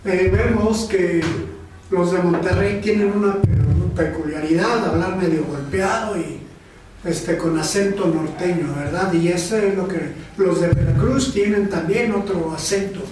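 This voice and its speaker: A man preaching as a pastor, slow and conversational, checking in with the listeners often. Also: high-pitched, a little mellow, slight background noise. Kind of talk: sermon. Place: church. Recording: echoey church sound from a distance.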